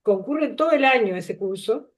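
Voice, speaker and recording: A woman's voice: a little high, expressive, normal speed. Uruguayan woman, middle-aged, teacher educator, thoughtful, video call. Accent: Uruguayan Spanish. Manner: thoughtful, uses filler "este". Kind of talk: workshop discussion.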